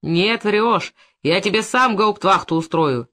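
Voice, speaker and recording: A woman's voice: medium pitch, slow pace, a bit bright. A woman reading an audiobook, voicing an insolent, mocking petty-thief man. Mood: threatening.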